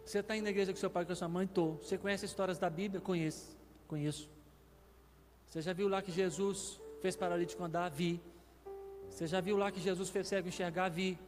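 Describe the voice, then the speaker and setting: A man's voice: sits high, fairly even intonation, brisk, big-room sound, faint music behind. A male pastor with a Brazilian Portuguese accent, telling a testimony in a sermon, with emotional swells. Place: church.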